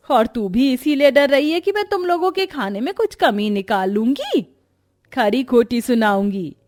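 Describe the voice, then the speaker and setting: Casting: woman as a middle-aged mother-in-law, stern on the surface, kind under it, slightly high voice. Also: heavily acted. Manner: scolding, teasing. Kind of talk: cartoon story voice acting.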